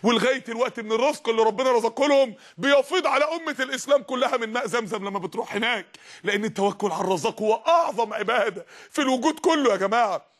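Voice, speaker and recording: A man preaching a sermon with an Egyptian accent, emphatic and full of rhetorical questions that rise to shouts. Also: very high-pitched, very fast. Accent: Egyptian Arabic.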